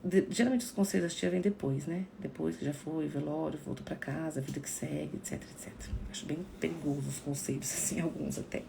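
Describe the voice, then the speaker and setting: A woman psychologist talking to viewers on a live stream, expressive and acting out the remarks people make. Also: sits low, quick pace, vocal fry, hardly any pauses, noisy background. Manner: expressive, acts out quoted remarks.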